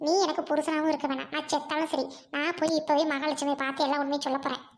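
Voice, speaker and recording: Woman as a furious, very high-voiced village wife who hurls accusations at her husband. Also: little pitch movement, rapid-fire. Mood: angry. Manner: scolding, accusing, sharp retorts. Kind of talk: amateur family drama acting.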